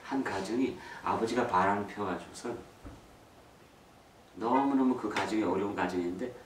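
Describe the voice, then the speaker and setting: Middle-aged man, church parenting talk, animated storyteller who acts out quotes and mixes in English; roomy, distant mic, faint hall ambience. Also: on the low side, moderate pace, slight background noise. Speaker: speaker on parenting. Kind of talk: church talk on raising children.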